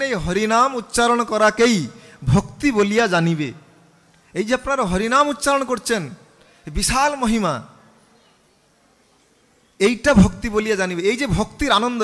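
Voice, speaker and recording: A man's voice: sits high, fairly bright tone, big-room sound. A man, a monk, preaching a scripture sermon, asking the audience questions and leading them in chanting. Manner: call-and-response, chants the mantra with the audience.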